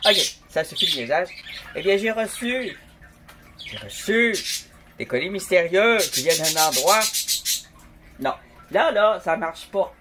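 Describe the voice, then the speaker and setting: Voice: medium pitch, lively intonation, slow pace, long pauses. A Québécois vlogger chatting casually while working at home, joking, rambling and laughing often, with pet birds squawking in the background. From Quebec. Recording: noisy home recording with bird squawks.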